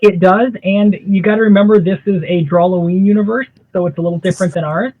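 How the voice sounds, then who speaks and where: A man's voice: high-pitched, fairly even intonation, fast, narrow, tinny audio. A man, an artist, casually talks through the panels of his own comic strip in a storytelling way, often repeating words as he goes. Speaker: artist presenting his drawings.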